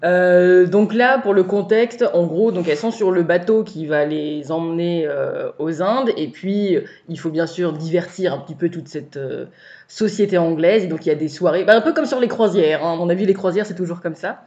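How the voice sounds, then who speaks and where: A woman's voice: lowish voice, moderate pace, lo-fi sound. A woman co-hosting a casual book podcast, reading passages aloud and commenting with frequent laughter. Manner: animated, laughs often, reads passages aloud. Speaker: podcast co-host. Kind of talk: casual book chat with read excerpts.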